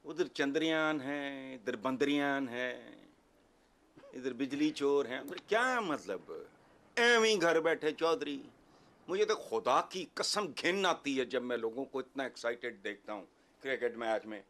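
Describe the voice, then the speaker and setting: Scornful older man, lively bright voice. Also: mid-range voice, a little slow. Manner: scornful, emphatic, rhetorical outbursts. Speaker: political commentator. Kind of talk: heated TV studio commentary.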